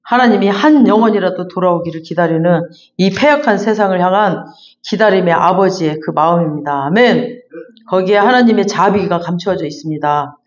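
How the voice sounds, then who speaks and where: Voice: medium pitch, a little fast, dull audio. A pastor preaching a fervent, repetitive sermon and then leading a closing prayer in a church sanctuary.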